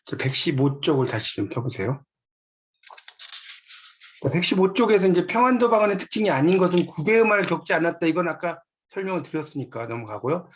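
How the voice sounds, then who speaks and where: Male lecturer, textbook lecture, patient page-by-page directions, fairly high voice, dull lo-fi recording. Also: very animated, fairly quick. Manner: directs students to pages and lines, explains patiently. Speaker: university lecturer.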